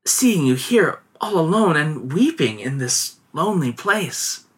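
A man's voice: a little high, sing-song, a little slow, fairly bright tone. A man voicing an earnest young man who speaks in a formal old-fashioned way.

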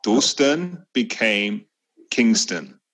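A middle-aged man leads a casual family conversation. His voice sits low and unhurried. He tells stories with an easy, joking manner. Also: poor audio. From East London. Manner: relaxed storytelling, jokey asides.

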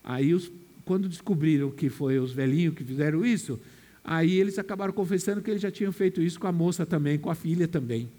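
A man's voice: fairly high pitch, fast, mellow. A man preaching a sermon, often repeating phrases and asking the congregation questions. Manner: repeats phrases, restarts and asks rhetorical questions. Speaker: pastor.

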